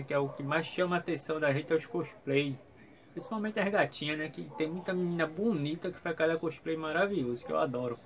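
A man gives a casual vlog update in a hesitant, repetitive way, often checking in with his viewers. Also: fairly high pitch. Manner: hesitant, repeats himself, frequent checking tags. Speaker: YouTube channel host. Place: small room at home, indoors. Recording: clear background noise, room ambience.

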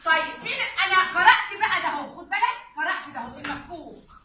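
A woman's voice: very high-pitched, expressive, fast, noisy background. A woman teacher with an Egyptian Arabic accent, leading a classroom reading lesson and patiently drilling her pupils with repeated questions. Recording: echoey classroom, distant mic.

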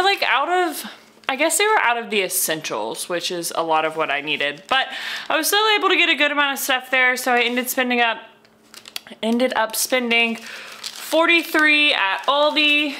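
A woman's voice: a little high, sharp tone. A young American woman in her twenties, chatting casually to the camera in her apartment with an upbeat manner and many fillers. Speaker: vlogger. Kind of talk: casual vlog talk to camera. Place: small apartment, indoors. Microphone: camera or phone mic at close range.

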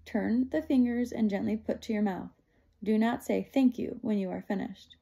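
A woman's voice: mid-range voice, normal speed, gravelly, dark tone, close to an everyday voice. A woman reading aloud, voicing a bossy, spirited young girl who teases and talks in short, clipped phrases. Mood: instructive. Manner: teasing, clipped simple phrasing.

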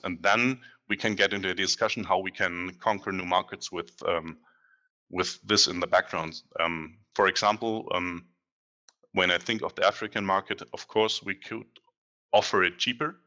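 A man in his thirties from Germany, with a lowish voice and a forceful tone, runs a casual software demo over a headset mic for an online meetup. He's in a dim indoor room before a large screen, speaking conversationally, often pausing with "um" and correcting himself.

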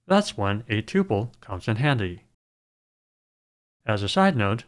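A man narrating a scripted programming screencast in a calm, measured way. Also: fairly low pitch.

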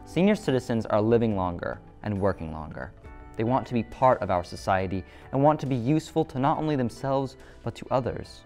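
A man reading a scripted documentary narration in a measured, serious way. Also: medium pitch, animated, darkish tone, soft background music.

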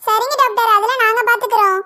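A bossy, quarrelsome village mother-in-law in a cartoon, as a woman plays her, with a Kanyakumari Tamil accent. Her voice sits very high and piercing, with a bright, cutting edge. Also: fairly even intonation, fast. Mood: indignant. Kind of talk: cartoon voice acting.

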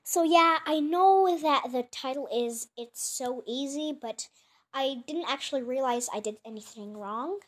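A woman's voice: sits high, measured pace, soft background music. A female creator chatting casually while reacting to her own old clips, chatty and self-mocking. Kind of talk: casual chat.

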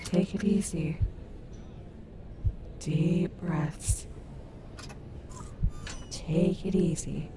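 A woman's voice: deep voice, steady tone, extremely slow, long pauses. A woman playing a caring, sassy robot wolf animatronic in an ASMR audio roleplay, soothing and reassuring with a wry streak. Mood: soothing, concerned. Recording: noticeable background noise.

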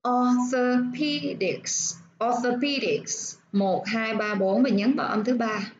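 A woman teaching nursing English, explaining step by step and repeating words slowly to show where the stress falls. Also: mid-range voice, fairly even intonation, muffled recording, a little hiss or hum.

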